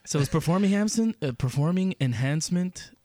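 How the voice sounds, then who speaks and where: A man's voice: fairly high pitch, expressive, fast, mellow, no echo. A man on a sports show panel, bantering casually in slangy, bro-ish talk.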